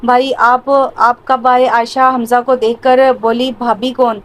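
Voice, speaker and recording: A woman's voice: a little high, flat delivery, fairly bright tone, low-quality recording. A woman narrating an audio novel, reading all the parts herself in a plain voice with small hesitations. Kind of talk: scripted narration reading every part.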